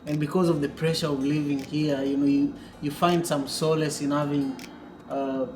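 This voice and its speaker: A man from Kenya, hosting an interview in a relaxed way, with lots of "you know"s. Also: on the high side, normal speed, noisy background. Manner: relaxed, filler-heavy, many "you know"s. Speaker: podcast host. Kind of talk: casual interview. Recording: echoey room with guitar music behind.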